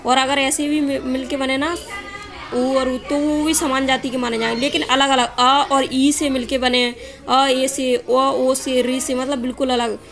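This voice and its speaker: A woman's voice: high-pitched, level tone, measured pace, a bit bright. A woman teaching an exam-prep grammar lesson, asking quiz questions and answering them herself, stretching vowels to show their length. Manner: asks and answers her own quiz questions.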